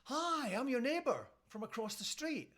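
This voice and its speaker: A man's voice: very high voice, big pitch swings, normal speed, fairly bright tone, pitched above the performer's own voice, heavily acted. A man voicing a stiffly polite female neighbour. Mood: prim. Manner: prim, clipped politeness.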